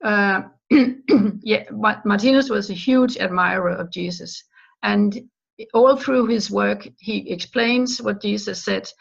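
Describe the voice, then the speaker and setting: Gravelly woman on a dull line. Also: medium pitch. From Denmark. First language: Danish. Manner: earnest, halting with restarts. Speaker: guest author. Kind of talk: remote interview answers. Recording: dull lo-fi call audio.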